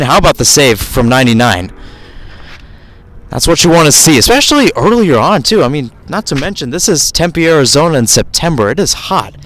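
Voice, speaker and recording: This radio soccer commentator has a slightly high, somewhat bright voice. Describing the live action as it unfolds, he keeps stopping mid-phrase to correct himself.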